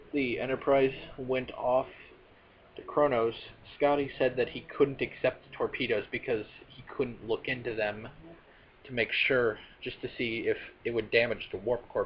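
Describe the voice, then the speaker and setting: A man talks through a movie's plot in a loose, rambling way, stumbling over fillers and correcting himself as he goes. His voice sits at an ordinary middle pitch. The recording is dull and lo-fi, with a faint hiss underneath. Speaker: film reviewer. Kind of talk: casual spoken movie recap.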